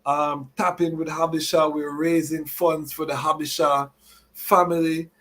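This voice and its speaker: A man's voice: fairly high pitch, level tone, a little slow, a bit bright. A man hosting a live show, mixing announcements with Rastafari reasoning in Rastafarian idiom and repeated catchphrases. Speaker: podcast host.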